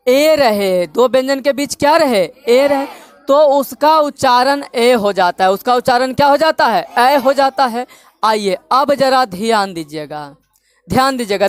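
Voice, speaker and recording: A woman with a Bihari Hindi accent teaching English phonics, drilling students with repeated call-and-response questions. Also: high voice. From Bihar, India. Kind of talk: classroom-style lesson.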